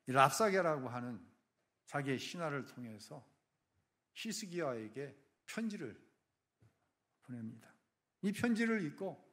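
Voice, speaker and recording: High-voiced, animated male pastor preaching. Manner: emphatic, dramatic preaching with sudden loud peaks. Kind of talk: Sunday sermon. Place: church.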